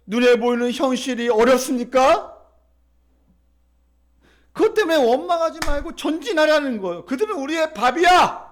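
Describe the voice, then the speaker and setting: High-voiced man preaching a sermon. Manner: preaching with emphatic repetition and leading the congregation in reading. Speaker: pastor. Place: church sanctuary.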